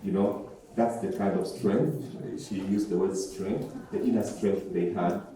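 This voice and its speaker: A man from Tanzania sharing in a conference group discussion, hesitant with many pauses and fillers. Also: low-pitched, fairly even intonation, mellow. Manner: hesitant, many ums and uhs. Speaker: conference participant. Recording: echoey hall, far from mic.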